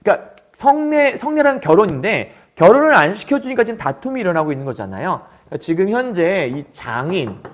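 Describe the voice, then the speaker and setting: A male literature teacher lecturing, animated and often asking questions to the class. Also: high voice, fast, few pauses.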